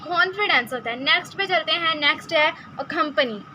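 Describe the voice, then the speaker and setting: A woman with a Pakistani Urdu accent teaching English in a casual online lesson, talking conversationally and slowly drilling sounds again and again. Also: high-pitched, animated, pushed and bright, low-quality recording. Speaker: English tutor. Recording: faint background noise.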